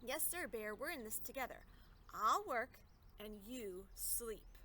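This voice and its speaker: A woman's voice: fairly high pitch, expressive, takes it slowly, sharp tone, slight background noise, full character voice. A woman voicing a clever, scheming male hare from a storybook, persuasive and emphatic like a salesman. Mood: eager, persuasive. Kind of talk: storybook read-aloud character voice.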